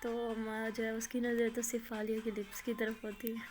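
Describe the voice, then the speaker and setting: A woman's voice: fairly high pitch, monotone, normal speed, darkish tone. A woman narrating a love story in casual talk, chatty and full of filler words.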